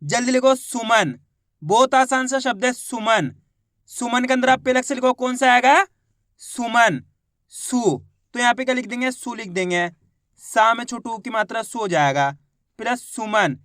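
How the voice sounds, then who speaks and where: A woman teaching how to read and write Hindi words, sounding each one out slowly and repeating it. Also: on the high side, fairly bright tone, no room sound, clean studio sound. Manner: slow, repeats each word twice, asks the viewer questions. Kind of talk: spelling lesson.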